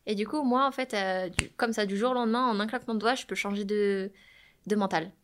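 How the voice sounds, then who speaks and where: A woman's voice: mid-range voice, brisk, a little hiss or hum. Hey, young woman talking casually, laid back and chatty. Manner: relaxed, talkative, laughs often. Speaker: guest. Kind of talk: casual chat.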